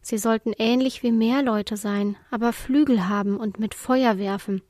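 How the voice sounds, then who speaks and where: Woman voicing a soft sighing ship spirit, lonely lady, higher voice, dry sound. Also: steady tone, normal speed, no room sound, natural voice. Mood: wistful.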